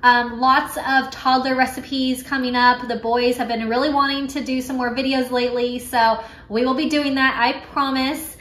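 A woman's voice: high-pitched, little pitch movement, moderate pace, a bit bright. A woman in her thirties, a mom vlogger chatting to camera in her home kitchen, upbeat with lots of ums and uhs. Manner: chatty, filler-heavy, upbeat. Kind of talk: casual chat to camera. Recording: echoey kitchen room.

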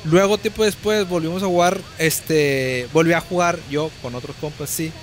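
A man's voice: on the high side, steady tone, moderate pace. A young Mexican man with a Mexican Spanish accent, chatting casually over a game, swearing and laughing a lot. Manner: slangy, swears freely, laughs often. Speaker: gameplay streamer. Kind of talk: casual let's-play commentary.

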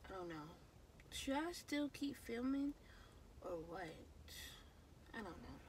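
Young woman vlogger, unhurried and slightly high-voiced, rambling to camera from a phone in a parked car with faint hum behind. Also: expressive, low-quality recording. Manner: chatty, trails off with "so, yeah", drops to a mumble. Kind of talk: casual vlog chat. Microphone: phone camera held close.

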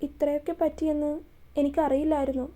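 A shy young woman who stumbles over her words and answers in small, hesitant phrases, as a woman storyteller voices her. The voice is high and warm, soft-edged rather than bright. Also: little pitch movement, fast talker, close to an everyday voice. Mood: timid. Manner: hesitant, stammering.

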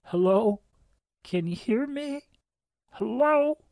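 A man voicing a trapped, desperate woman calling for help, her high voice breaking. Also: animated, slow pace, a little mellow, dry recording. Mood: pleading. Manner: high, pleading, breaking cries from afar.

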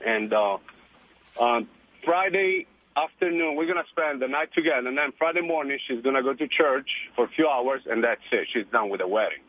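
An Italian man with an Italian accent calls into a radio talk show, chatting casually and eagerly and laughing easily. His mid-range voice has lively intonation and a fairly quick pace. It comes over a phone line with no echo.

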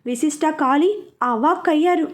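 A woman narrating a serialized audio story with an expressive reading. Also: high-pitched, moderate pace.

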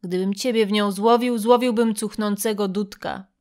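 A woman's voice: medium pitch, fairly even intonation, normal speed, darkish tone, close to an everyday voice. A woman voicing a bitter, cowardly old Greek man who snaps back with biting retorts. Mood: sneering.

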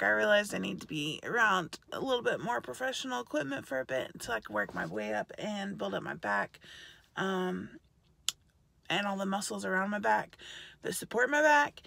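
A woman's voice: on the high side, gravelly, pushed and bright. A tired young woman chatting casually in a parked car, self-mocking and laughing, filmed on a phone held at arm's length. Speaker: vlogger. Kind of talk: casual vlog chat.

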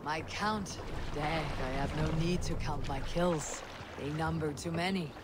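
A man voicing a calm, plain-spoken Viking raider chief in video game dialogue. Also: on the high side, a little slow, noisy background, lightly acted. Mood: steady. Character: male Viking raider chief, steady and proud.

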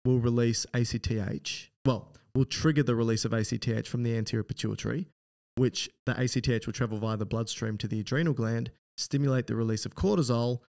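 An Australian man co-hosting a medical podcast in a loose, playful chat. His voice sits at a middle pitch, and he explains through vivid little scenarios. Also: fairly even intonation, fairly quick, vocal fry, few pauses, darkish tone. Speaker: podcast co-host, doctor. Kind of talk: casual educational chat.

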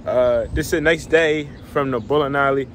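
A man's voice: mid-range voice, normal speed, noisy background. Laid-back young man vlogging on a phone. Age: young adult. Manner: laid-back slangy chatter with many fillers. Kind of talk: casual selfie vlog. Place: indoor trampoline park. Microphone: phone camera at arm's length.

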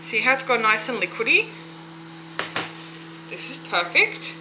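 Speaking unhurriedly, an Australian woman of around thirty uses a fairly high voice with big swings in pitch. She's a vlogger with a small soap business, chatting casually and thinking aloud while she shows a craft in a how-to video. The setting is her small home workshop, where background noise is clear and dishes and pots clatter.

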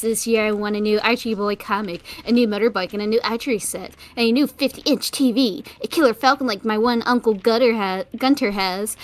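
A woman doing a loud rich brat boy. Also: fairly high pitch, natural voice. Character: rich rowdy spoiled boy, male.

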